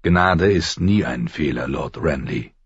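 A man voicing a stern, honorable middle-aged lord in an audiobook, speaking with measured, cool firmness. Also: rumbling low, lively intonation, husky, no room sound, muffled recording, full character voice. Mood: firm.

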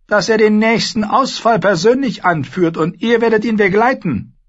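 A man's voice: high voice, normal speed, pitched above the performer's own voice. A man voicing a cold, commanding queen who speaks sharply and scornfully, in an audiobook. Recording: slightly dull lo-fi audio.

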